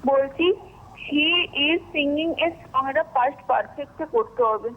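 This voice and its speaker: A female student caller from West Bengal, asking a grammar question slowly and repeating herself. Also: high-pitched. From West Bengal, India. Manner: slow, hesitant, repeats her question. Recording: muffled phone line.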